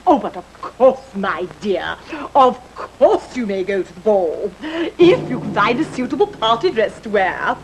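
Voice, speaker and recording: A woman's voice: medium pitch, big pitch swings, unhurried, a little hiss or hum, low-quality recording. An actress playing a scheming, haughty middle-aged stepmother in a comic fairy tale, theatrical and falsely sweet. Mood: mocking.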